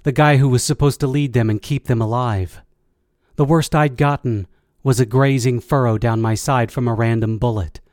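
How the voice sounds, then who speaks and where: A man's voice: mid-range voice, fairly even intonation, normal speed, a little mellow, dry recording. Man narrating an audiobook, dry sound. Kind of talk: first-person audiobook narration.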